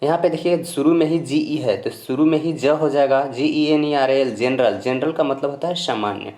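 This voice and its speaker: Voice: medium pitch, moderate pace, darkish tone. A teacher with a mid-range voice walks through a pronunciation lesson, spelling out each word letter by letter. The delivery is patient and reassuring, and each rule comes round more than once. The voice carries a roomy echo. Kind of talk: step-by-step spoken lesson.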